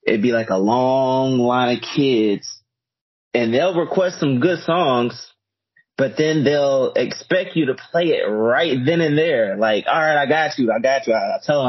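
A man co-hosting a podcast, telling rambling, relaxed stories over an echoey internet call. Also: medium pitch, unhurried, breathy edge, dull audio. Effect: internet call audio with echo. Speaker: podcast co-host and DJ. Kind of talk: casual chat. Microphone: internet video call.

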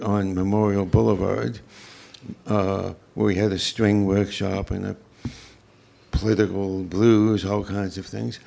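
An older man telling unscripted recollections as an interview guest, in a halting, reflective way. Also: on the low side, gravelly, warm tone. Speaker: interview guest, former folk festival organizer. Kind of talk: unscripted reminiscence.

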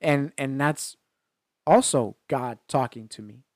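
A man co-hosting a casual faith podcast, talking earnestly in halting phrases with frequent restarts. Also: mid-range voice, no room sound, studio quality. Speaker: podcast co-host.

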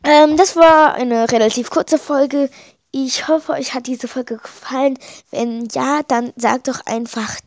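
A woman's voice: sits high, steady tone, takes it slowly, a little mellow, no echo, studio quality. A woman reading a children's book aloud for her podcast, in an informal way with fillers and restarts. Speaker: podcast reader.

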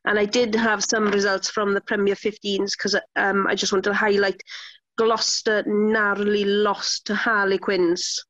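A woman's voice: mid-range voice, flat delivery, measured pace, a bit bright, no room sound. Woman co-host, sing-song score reader, dry muffled podcast sound. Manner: lists scores in a sing-song caller rhythm. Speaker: podcast co-host reading results. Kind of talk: casual chat.

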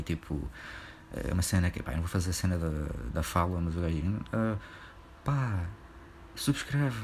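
A man's voice: sits low, a little mellow, a little hiss or hum. A young man with a European Portuguese accent, hosting a casual solo podcast, rambling in slang and swearing, laughing often. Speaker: podcast host.

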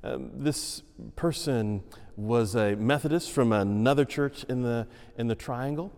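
A man preaching a sermon as senior pastor, in a measured, emphatic way. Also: medium pitch, darkish tone. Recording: long reverb of a large room.

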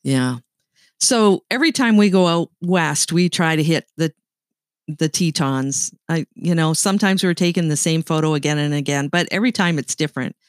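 This middle-aged Canadian woman has a low-pitched voice and a light accent, speaking at normal speed. Co-hosting a podcast, she keeps the chat casual, telling stories and laughing often, in studio quality with no room sound.

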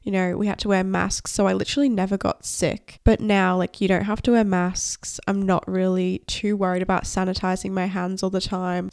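A young woman in her twenties hosts her own podcast, chatting solo in a casual, upbeat way and saying "like" a lot. Her mid-range voice is creaky and darkish, and she sounds nasal from a cold. The recording is dry and studio quality.

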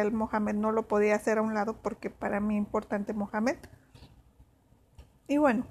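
Casting: young woman, slightly high voice, emotional confessional storytelling. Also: darkish tone, slight background noise. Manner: emotional retelling, acts out quoted dialogue. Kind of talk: personal storytelling.

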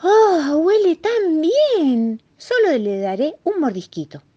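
A woman voicing a small, anxious, excitable mouse in a children's story, squeaky and shrill. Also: a little slow, muffled recording. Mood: greedy delight.

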